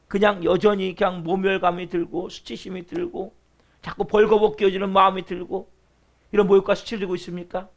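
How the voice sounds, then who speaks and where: A pastor delivers an earnest sermon in a church, constantly turning to the congregation with rhetorical questions. His voice sits high for a man and carries a gravelly rasp. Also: flat delivery, a little fast. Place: church sanctuary.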